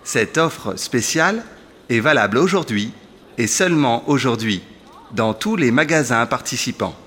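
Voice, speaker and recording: A man reading a formal promotional announcement over a store loudspeaker. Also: medium pitch, expressive, unhurried, slight background noise. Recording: long store-hall reverb, faint ambience.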